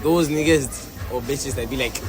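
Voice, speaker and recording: A man's voice: mid-range voice, moderate pace, over music. A young man from Nigeria chatting casually on the street, laid-back and a bit boastful.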